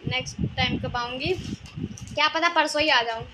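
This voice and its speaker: A woman's voice: high voice, moderate pace, very noisy. A young woman vlogging at her family home, chatting casually, teasing and laughing often. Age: young adult.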